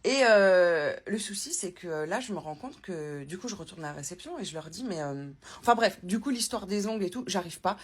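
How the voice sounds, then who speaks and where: Chatty husky woman vlogging. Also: on the low side, lively intonation, fairly quick, hardly any pauses. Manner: chatty, rambling, many fillers and restarts. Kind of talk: casual travel vlog chat. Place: hotel room.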